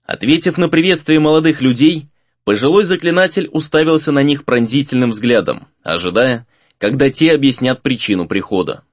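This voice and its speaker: A man reading a fantasy novel aloud as narrator, in a measured reading with varied emphasis. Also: mid-range voice, expressive, no room sound, muffled recording. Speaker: audiobook narrator.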